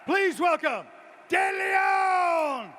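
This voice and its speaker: A man announcing fighters in a loud, drawn-out ring announcer's delivery in a fight arena. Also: animated, creaky. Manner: booming, drawn-out shouted announcing. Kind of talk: fight introductions. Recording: arena with crowd and noise.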